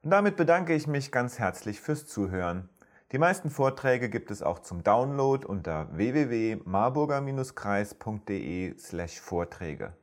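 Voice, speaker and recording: Low-voiced man giving a podcast Bible talk. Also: very animated. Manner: measured, reads scripture aloud slowly. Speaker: theologian podcast speaker. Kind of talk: calm podcast teaching with Bible reading.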